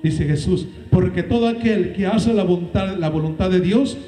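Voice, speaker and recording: A man preaching a sermon as pastor, with dramatic swings in pitch and loudness. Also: moderate pace, reverberant, soft background music, low-quality recording. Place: church.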